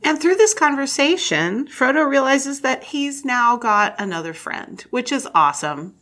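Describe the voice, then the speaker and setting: A woman's voice: high-pitched, animated, unhurried, bright, forceful tone. A woman co-hosting a podcast, chatting casually and enthusiastically about a book, laughing often. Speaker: podcast co-host.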